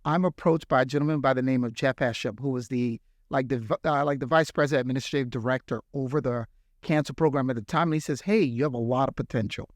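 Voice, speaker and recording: A middle-aged man from the Bahamas speaks as an interview guest, recounting his career in an earnest, reflective way. His voice sits at an ordinary pitch and sounds close and dry, with little room around it. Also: fast, no room sound. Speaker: healthcare executive, guest. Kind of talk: interview conversation.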